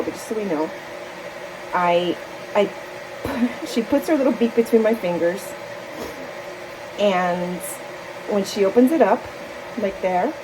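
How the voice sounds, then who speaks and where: A woman's voice: mid-range voice, background noise. A woman hand-feeding a baby bird at home in her kitchen, cooing baby talk to the bird and chatting casually to the camera. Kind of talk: casual home video chat.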